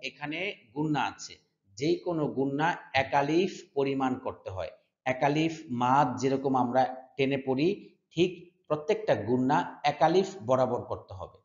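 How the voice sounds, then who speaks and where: A man with a Bangladeshi Bengali accent teaching Quran recitation, chanting verses in drawn-out syllables and repeating sounds for students to follow. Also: medium pitch, a little mellow. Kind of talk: slow tajweed lesson with chanted recitation. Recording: echoey room, dull lo-fi sound.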